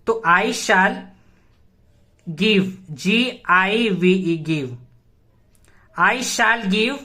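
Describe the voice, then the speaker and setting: Woman teacher, mid-pitched, explains grammar slowly with repeated check-in questions. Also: fairly bright tone. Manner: patient, repetitive, asks checking questions. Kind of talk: explaining a lesson.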